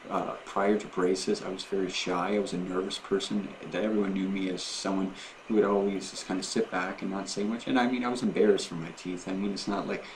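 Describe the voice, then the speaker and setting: A man talking casually and unscripted to his vlog viewers, in a halting, rambling way with repeated and restarted phrases. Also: low voice, slight background noise, poor audio. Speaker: vlogger documenting his own surgery preparation.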